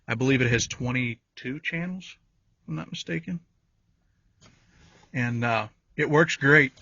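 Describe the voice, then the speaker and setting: In an unhurried, pushed and bright mid-range voice, a man who makes vehicle DIY videos gives an informal, folksy tour in and around his pickup's cab, drifting off on small tangents as he explains. The recording, from a handheld phone or camera, sounds dull and lo-fi with a roomy echo.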